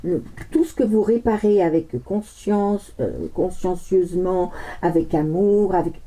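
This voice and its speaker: A woman's voice: on the low side, a little slow, dark tone, low-quality recording. A middle-aged woman doing a casual, rambling card reading, chatting with fillers and laughs and coughing now and then. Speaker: card reader. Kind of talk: casual tarot reading chat.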